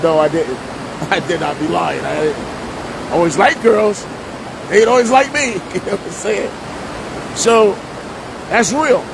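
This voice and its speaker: Streetwise preacher man over loud rumble. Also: unhurried, creaky, long pauses. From Jersey City, New Jersey. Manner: streetwise slang, repeats himself for emphasis. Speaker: vlogger and preacher. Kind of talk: casual storytelling monologue. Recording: loud rumbling noise behind voice.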